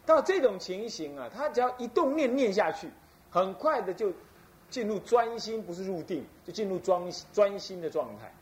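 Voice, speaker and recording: Lively abbot preaching. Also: male voice, high voice, normal speed. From Taiwan. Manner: lively, folksy, demonstrates chanting aloud. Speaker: abbot giving a Buddhist teaching. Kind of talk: sermon.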